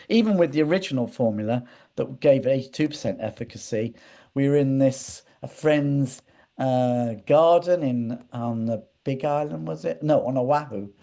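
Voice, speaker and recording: Here a male interview guest with a relaxed, mellow voice of average pitch chats his way through meandering stories. He hesitates, digresses, and often repeats himself or circles back mid-thought.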